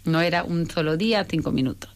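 A woman's voice: sits low, quick pace. A woman who is a guest on an interview show tells an earnest, searching personal story of faith, often repeating and correcting herself.

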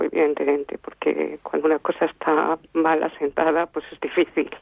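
A nervous woman, calling in over the phone to a radio show and telling her personal story in a halting, earnest way with many pauses. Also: fairly low pitch, creaky, no echo. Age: 50s. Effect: heard over a phone line. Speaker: radio caller. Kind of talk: personal testimony on a call-in show. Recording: tinny dry phone line.

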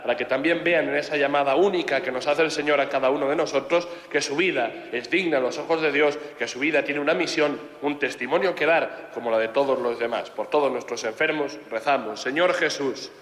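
A man's voice: medium pitch, a bit bright. A man with a Spanish accent from Spain, a priest solemnly intoning prayers and a blessing at mass, heard in cathedral echo. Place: large church. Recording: echoey church with long reverb.

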